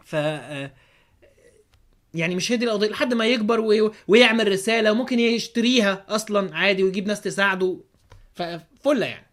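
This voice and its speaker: A man's voice: high voice, quick pace, fairly bright tone. A man with an Egyptian Arabic accent hosting a podcast, giving a religious commentary monologue full of sarcastic rhetorical questions. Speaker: podcast host.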